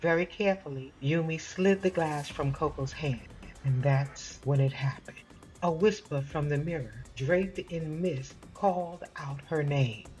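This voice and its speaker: A woman narrating a scripted horror story as a podcast host, in a slow, deliberate, dramatic manner. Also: low voice, a little mellow, soft background music.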